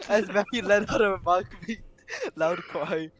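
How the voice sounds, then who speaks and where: A man's voice: sits high, takes it slowly, fairly bright tone. A young man narrating an amateur comedic reading aloud, often stumbling over words and breaking into laughter.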